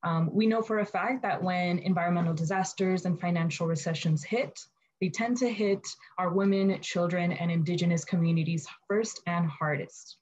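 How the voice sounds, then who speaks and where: An earnest woman speaks as a community organizer, pausing on ums and uhs. Her voice sits somewhat low, and the recording is dull and lo-fi. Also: a little mellow. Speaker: community organizer and event host. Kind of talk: prepared speech at an online event.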